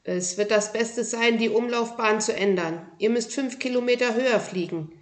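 A woman's voice: fairly high pitch, normal speed, roomy sound, close to an everyday voice. A woman voicing ground control in a children's storybook, giving firm instructions.

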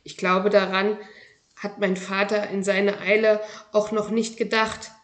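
A woman's voice: medium pitch, little pitch movement, unhurried, natural voice. A woman voicing an earnest young boy astronaut in a children's storybook, speaking politely.

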